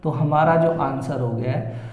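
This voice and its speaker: A man teaching maths at a board, explaining each step slowly and repeating the same phrases as he goes. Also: fairly high pitch, narrow, tinny audio. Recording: echoey room with long reverb.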